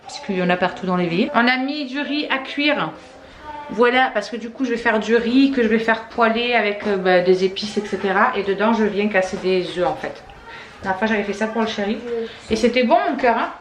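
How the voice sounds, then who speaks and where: A woman's voice: mid-range voice, brisk. A woman in her thirties, a mother chatting casually through her day at home in a rambling way, full of fillers and "et cetera". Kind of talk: casual vlog chat. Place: family home, indoors. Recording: roomy echo in a home.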